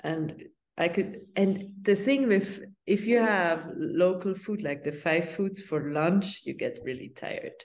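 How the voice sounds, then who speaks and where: A Swiss woman whose first language is Swiss German speaks English with a Swiss German accent, her voice lowish and darkish in tone. She's a guest journalist in a casual interview, thoughtful and hesitant, pausing often.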